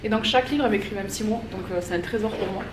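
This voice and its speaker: Folding laundry at home, this French vlogger in her thirties chats and rambles to camera with a medium-pitched voice and a rapid-fire delivery. Background noise and a roomy echo come through a far-off microphone.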